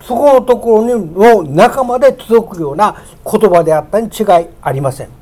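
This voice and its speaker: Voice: medium pitch, animated, mellow. Emphatic preacher with swelling peaks. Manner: swells to emphatic, raised peaks on key words; slows down to read scripture aloud. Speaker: pastor. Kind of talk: sermon. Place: church sanctuary with projector.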